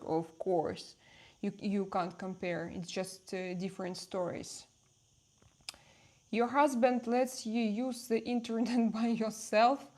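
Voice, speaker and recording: A Russian woman with a Russian accent hosts a livestream, chatting casually and answering viewers in halting English, repeating phrases as she goes. Her voice sits at medium pitch with a darkish tone.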